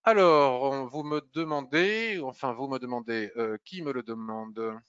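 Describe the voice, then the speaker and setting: A man talks through trading charts in a loose, chatty way, often pausing with fillers. His mid-pitched voice comes through a dry, slightly dull mic with no room sound. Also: a bit bright, clean tone, no room sound. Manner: chatty, hesitant with many "euh" fillers. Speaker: market analyst. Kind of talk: screen-share market review.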